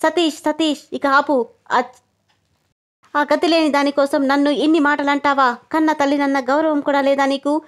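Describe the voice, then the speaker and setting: A woman's voice: high-pitched, little pitch movement, moderate pace, natural voice. A woman voicing a harsh, domineering older mother. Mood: indignant. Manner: scolding, commanding.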